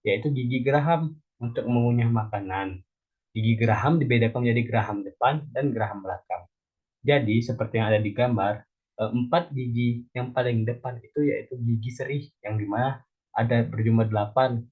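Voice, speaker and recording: A man's voice: medium pitch, a little fast, husky, phone-quality sound. A young man from Indonesia teaching an elementary school biology lesson, explaining step by step and putting questions to the children. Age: young adult.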